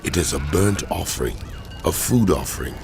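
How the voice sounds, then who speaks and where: A man voicing a solemn, commanding God in a dramatized Bible reading, speaking in measured, declarative biblical narration. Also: low-pitched, expressive, creaky. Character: God, solemn commanding male deity giving laws. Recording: music behind the voice. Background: background music.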